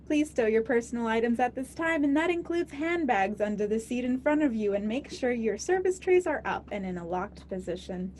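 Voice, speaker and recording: A sharp-tongued flight attendant, played by a woman, talks in a fairly high voice and needles the passengers with cheeky asides. Faint background noise sits under her voice. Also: expressive, a little fast, few pauses, close to an everyday voice. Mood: mocking. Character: sassy wisecracking female flight attendant. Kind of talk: comedy sketch acting.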